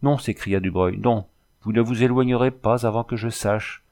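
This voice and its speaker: A man's voice: medium pitch, normal speed, a little mellow, lightly acted. A man reading aloud, voicing a wounded young French engineer in a storybook who pleads earnestly. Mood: pleading.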